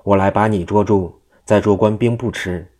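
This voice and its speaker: A man's voice: on the low side, fairly even intonation, normal speed, darkish tone, close to an everyday voice. A man reading the lines of an arrogant male Daoist sorcerer in a storybook tale, haughty and scolding. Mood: scornful.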